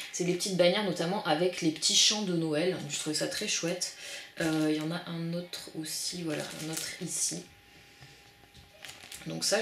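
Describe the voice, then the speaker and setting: A woman vlogger chatting casually and enthusiastically about her craft supply haul, with lots of fillers. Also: lowish voice. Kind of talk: casual haul show-and-tell. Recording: echoey room with faint noise.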